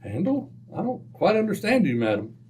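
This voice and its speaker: A man playing a proper, easily flustered British gentleman doctor, blustery and polite, in an old-time radio drama. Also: high-pitched, huge pitch swings, moderate pace, a little hiss or hum. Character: indignant, easily flustered gentleman doctor, detective's loyal companion.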